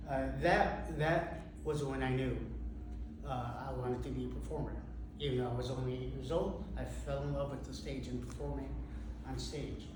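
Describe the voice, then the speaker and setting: A man from India telling a personal story on stage, halting and self-mocking, with many fillers. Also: mid-range voice, fairly even intonation. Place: theater stage. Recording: echoey hall recorded from far off, with noise.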